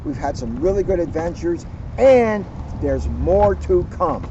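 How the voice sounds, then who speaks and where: With a fairly high pitch, a police officer reads a picture book aloud and chats informally with children at an outdoor garden center, filmed for a community video series. His delivery is deliberate and expressive with elongated phrase endings, and the outdoor recording sounds dull and noisy.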